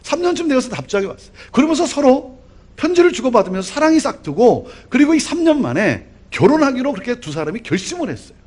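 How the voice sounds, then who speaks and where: A middle-aged male pastor preaching a sermon in an animated way, voice rising and falling in loudness, with a husky tone. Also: fast talker. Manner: animated preaching with lively swings of pitch and loudness.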